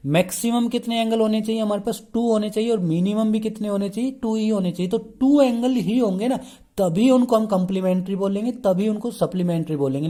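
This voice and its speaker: A man's voice: high voice, mellow. A man teaching a math lesson. He mixes Hindi with English math terms, asks the class questions and answers them himself, and keeps checking in with the students. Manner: keeps checking in with the class by saying "okay" again and again; slow and drawn out while writing on the board. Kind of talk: explaining a lesson.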